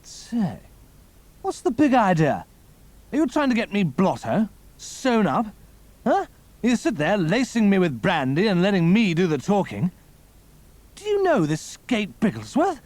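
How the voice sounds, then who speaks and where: Tipsy boastful traitor, slurred, suspicious, hugely varied pitch, dry studio sound, audio drama. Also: male voice, huge pitch swings, a little slow, a little mellow, no echo, exaggerated voice. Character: drunken, boastful, suspicious male wartime traitor.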